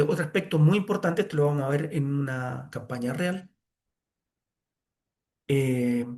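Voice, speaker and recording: Man teaching, slightly high voice. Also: darkish tone. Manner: conversational, many "eh" fillers. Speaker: online course instructor. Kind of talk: screen-share tutorial.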